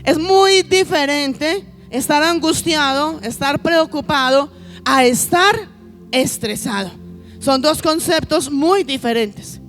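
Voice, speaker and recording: A woman's voice: high voice, takes it slowly, fairly bright tone, faint music behind. A woman pastor preaching a sermon, piling up lists and asking the congregation rhetorical questions.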